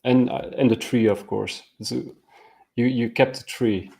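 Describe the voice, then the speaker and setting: A man's voice: medium pitch, steady tone, measured pace, gravelly, dark tone. A man hosting a casual interview, offering brief affirmations and enthusiastic questions. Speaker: interviewer host.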